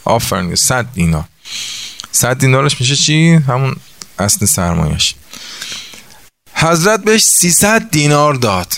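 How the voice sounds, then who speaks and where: A man preaches a sermon full of religious stories, acting out the voices of the people in them and questioning his listeners as he works through sums. His mid-range voice is a bit bright and very animated, with vocal fry and long pauses.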